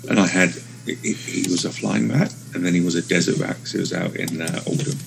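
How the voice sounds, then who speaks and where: Male guest co-host, deep gravelly voice, halting casual chat, slightly off-mic. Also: steady tone, a little hiss or hum. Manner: halting, searching for words. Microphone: sits too far from his microphone.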